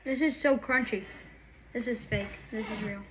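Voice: mid-range voice, normal speed. A child taste tester giving short, blunt verdicts while talking through a mouth full of cookie. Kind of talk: casual family video. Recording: home video with clear background noise.

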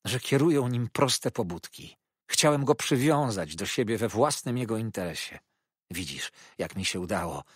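Despairing old father, guilt-ridden and lamenting, husky lively voice , read by a male narrator. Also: on the low side, moderate pace, no echo, studio quality. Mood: anguished. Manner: lamenting, pleading. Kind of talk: audiobook character voice.

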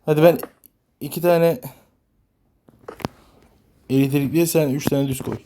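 A man's voice: fairly high pitch, fairly even intonation, a little slow, background noise. A man talking casually as a father playing a video game with his child, cooperative and often checking with questions. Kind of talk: casual gameplay chat.

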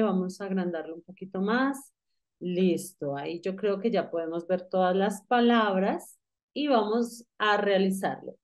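A woman's voice: mid-range voice, a little mellow. A woman teaching an English grammar lesson, explaining patiently and asking the student questions as she goes. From Colombia.

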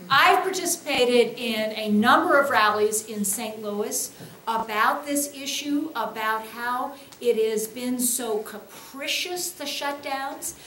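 A woman's voice: fairly high pitch, fairly bright tone, reverberant, slight background noise. A middle-aged woman, a keynote speaker, answering questions earnestly at a table mic, with frequent ums and uhs. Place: indoor event hall, seated at a table.

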